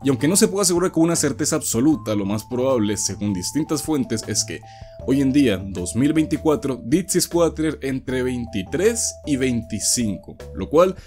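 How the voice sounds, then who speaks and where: A man's voice: mid-range voice, animated, normal speed, warm tone. A man delivering scripted video commentary in an emphatic, explanatory way. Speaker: video essay host. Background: background music.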